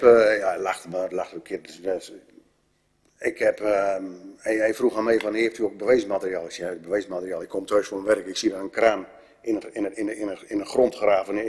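A man's voice: lowish voice, darkish tone, slightly rough. A man, a resident speaking hesitantly at a council debate, stumbling and restarting often. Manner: hesitant, halting, many restarts. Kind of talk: unscripted public statement. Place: council chamber. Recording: reverberant council chamber.

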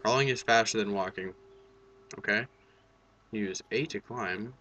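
A young man hosting a casual let's play in a fairly low voice with a bright, forceful edge. He is reactive and jokey, and swears freely. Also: a little slow, slight background noise. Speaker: gaming video host.

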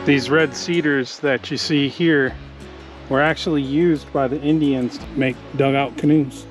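Speaking at a measured pace with fairly even intonation, this mid-range male voice belongs to a hiking vlogger in his forties. He offers relaxed commentary on the trees along a forest trail, recorded outdoors on an action camera he holds or wears. Soft background music plays, and the audio quality is poor.

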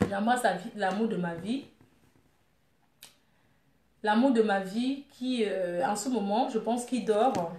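A woman's voice: mid-range voice, slow, pauses often, darkish tone, echoey room, slight background noise. Scolding woman live streamer. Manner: scolding, rambling, teasing viewers. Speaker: live streamer reading viewer comments. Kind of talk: casual live stream chat.

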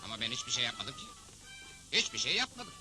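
A man's voice: high voice, huge pitch swings, quick pace, sharp tone, soft background music, full character voice. A man playing a confident, easygoing cowboy hero in a cartoon dub, polite and self-assured. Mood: protesting. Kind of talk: dubbed cartoon acting.

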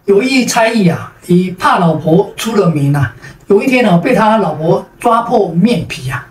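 A woman with a Taiwanese Mandarin accent telling a string of jokes, stretching out her sentence particles in a lively way. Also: mid-range voice, normal speed. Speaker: joke storyteller. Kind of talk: storytelling of jokes. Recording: roomy sound from a distant mic.

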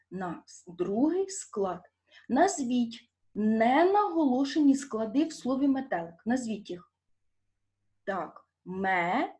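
A woman teaching a primary school lesson with a Ukrainian accent, asking young children questions and stretching out stressed syllables slowly and clearly. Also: fairly high pitch, darkish tone.

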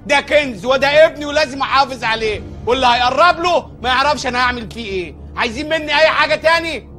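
A man's voice: extremely high pitch, very fast, bright, forceful tone. An actor playing a pious, fussy chicken-shop owner who worries about his son, speaking in Egyptian Arabic and scolding, pleading and fretting. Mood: indignant. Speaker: comic lead in a TV comedy series. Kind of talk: sitcom comedy acting.

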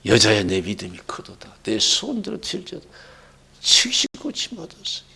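A male pastor preaching a sermon, with sudden loud rising bursts and quoted dialogue. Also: medium pitch, huge pitch swings, moderate pace, vocal fry, slightly rough.

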